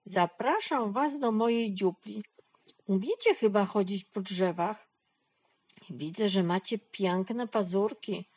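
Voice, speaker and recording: A woman's voice: mid-range voice, slow pace, a little mellow, husky. A woman voicing a friendly, cheerful female squirrel in a storybook reading. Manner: friendly and welcoming.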